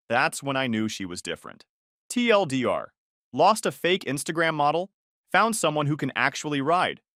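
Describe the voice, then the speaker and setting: A man narrates first-person stories in a steady scripted read. His pitch rises and falls lively through each line. The recording is dry and close, with no room around it. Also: no echo.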